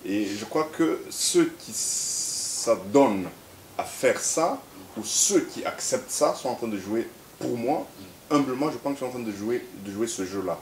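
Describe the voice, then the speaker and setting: Man from central africa, interview guest, lively pitch, stammering repeats, roomy echo, light hiss. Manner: halting, many repeated words, then measured storytelling. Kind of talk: reflective conversational interview. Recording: echoey room with faint hiss.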